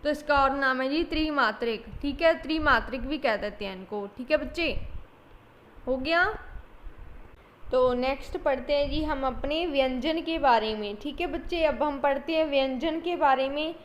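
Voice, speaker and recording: A woman's voice: sits high, normal speed. A woman teacher gives an online exam-prep lecture, repeating points and calling her students children. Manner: repetitive, coaxing, addresses students as children. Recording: dull lo-fi audio with faint hiss.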